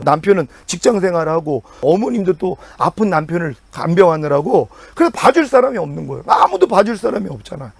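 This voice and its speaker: Man, sermon, high voice, gravelly, very animated, dry close sound. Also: no echo. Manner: animated preaching with sudden pitch jumps and quiet drops. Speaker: pastor.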